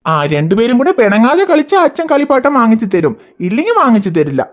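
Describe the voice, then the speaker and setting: A patient, gentle cartoon father, voiced by a woman who coaxes and reasons with his children. The voice sits somewhat high and stays calm and firm. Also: fast. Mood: coaxing. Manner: coaxing, explaining patiently. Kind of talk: cartoon voice acting.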